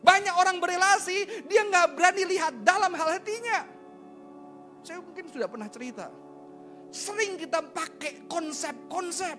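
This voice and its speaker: Male pastor, high and expressive delivery, chatty sermon over background music. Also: normal speed. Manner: animated and conversational, rhetorical questions, slangy asides.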